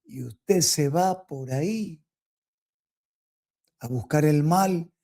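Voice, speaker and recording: Male preacher, mellow tone, emphatic Bible teaching, rhetorical questions. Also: fairly high pitch, drawn-out words. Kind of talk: sermon-style Bible teaching.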